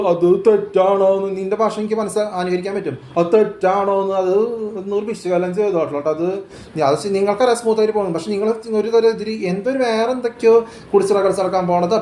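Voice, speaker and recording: Rambling man, quick and high-pitched, casual talk, echoey room with faint hiss. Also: darkish tone. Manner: rambling, repetitive, hesitant restarts. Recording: roomy echo with faint ambient noise.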